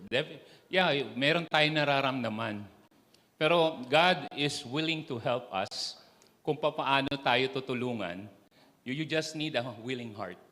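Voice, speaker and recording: Male church speaker, slow and halting, still recovering from a cough, reverberant church hall. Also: lowish voice, bright, forceful tone. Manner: halting, self-deprecating, many fillers. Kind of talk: Taglish sermon.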